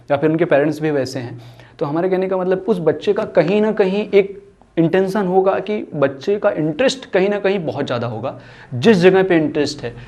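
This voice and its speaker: A man's voice: fairly high pitch, darkish tone, dull audio. A young man speaking for a foundation in an earnest social-cause talk, mixing English phrases into his speech and often restarting sentences.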